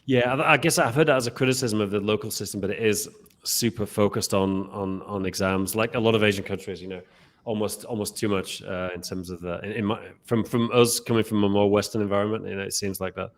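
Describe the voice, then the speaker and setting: A podcast host conducts a casual interview, asking long, rambling questions full of restarts. His voice is on the low side and steady, and he talks at a quick pace.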